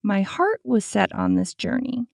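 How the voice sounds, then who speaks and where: A woman in her twenties voicing a young female dreamer who tells her own story, speaking slowly and clearly and saying each sentence twice. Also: on the high side, big pitch swings, no echo, clean studio sound, heavily acted. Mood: calm. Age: 20s. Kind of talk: scripted story for repeat-after practice.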